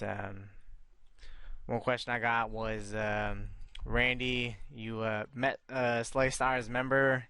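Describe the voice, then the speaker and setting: A male podcast host with a bright, crisp voice, chatting casually and cursing freely. The sound is dry and close to the mic. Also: medium pitch, no echo. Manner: relaxed, swears freely, reads out chat questions. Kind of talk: casual chat.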